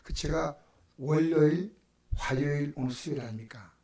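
An older man with a Gyeongsang Korean accent preaching a sermon as pastor, swinging from loud exclamations to hushed whispers. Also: fairly high pitch, moderate pace, gravelly, roomy sound. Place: church sanctuary.

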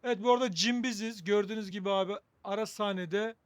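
A man with a high voice gives casual commentary on a video game as he plays. He thinks aloud in a wry, joking way, chatting to his viewers. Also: fast talker, dry recording. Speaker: gaming video host.

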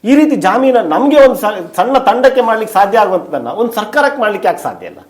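A man's voice: high-pitched, very animated, fast. A man, a journalist and writer, answering interview questions in detail, emphatic and full of rhetorical questions. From India.

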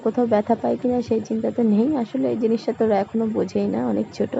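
A woman narrating her vlog in a quick, casual voice-over. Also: mid-range voice, gravelly, warm tone. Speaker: vlogger. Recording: dull, slightly noisy voice-over.

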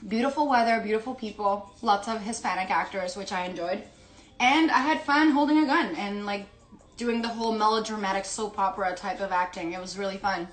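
A woman's voice: mid-range voice, a little fast, roomy sound. A young woman from South America whose first language is Spanish, chatting casually on a livestream while she eats. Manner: chatty, giggly, talks while eating. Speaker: Instagram live host. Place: home room with pet dog. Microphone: phone or laptop livestream.

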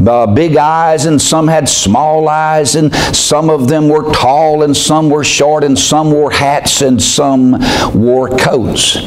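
A man's voice: fairly high pitch, a little mellow, a little hiss or hum. An older man, a pastor praying and then preaching in a folksy, storytelling way with frequent "uh" restarts. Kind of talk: prayer and sermon. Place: small church sanctuary. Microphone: pulpit mic. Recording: echoey church from camera.

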